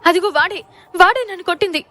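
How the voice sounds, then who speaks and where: A shrill, spoiled gangster's wife, as a narrator puts her on. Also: brisk, natural voice. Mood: complaining. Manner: whiny, fake-tearful complaining.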